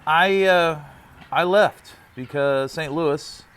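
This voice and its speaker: A man's voice: fairly high pitch, slow pace, a bit bright. Exasperated man venting over road noise. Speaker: vlogger on a long-distance walk. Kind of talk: candid personal venting monologue. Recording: noisy outdoors with vehicle sounds.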